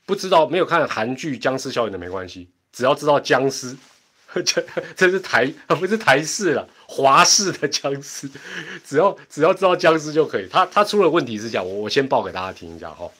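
A man's voice: medium pitch, animated, brisk, a bit bright, breathy edge. A middle-aged man with a Taiwanese accent hosting a casual livestream, chatty and rambling, laughing often between asides. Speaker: livestream host. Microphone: home internet setup.

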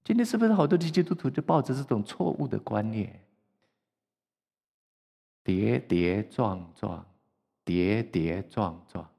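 A man preaching to his congregation as pastor, telling the story animatedly and slipping into the characters' voices. His pitch sits a little high and swings widely, with a slightly husky edge. A long reverb fills the church around him. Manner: animated, acts out the story, laughs. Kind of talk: storytelling sermon. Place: church sanctuary.

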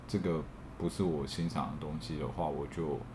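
A man's voice: rumbling low, fairly even intonation, normal speed, background noise. A man with a Taiwanese Mandarin accent chatting casually and candidly, often repeating phrases as he thinks aloud. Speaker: podcast panelist. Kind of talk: casual chat.

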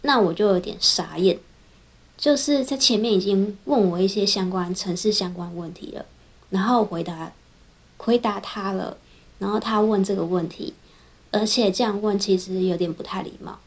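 A woman's voice: medium pitch, moderate pace. Young woman, mid-range voice, casual vlog storyteller, chains her thoughts with "and then". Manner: chatty, strings thoughts together with frequent "then". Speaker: software engineer.

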